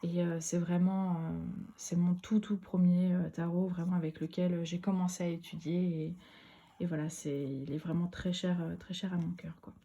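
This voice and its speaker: Casting note: young woman vlogger, low-ish mellow voice, casual and halting delivery. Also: level tone, highs cut off. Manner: hesitant, many fillers and restarts. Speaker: tarot vlogger. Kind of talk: casual video monologue.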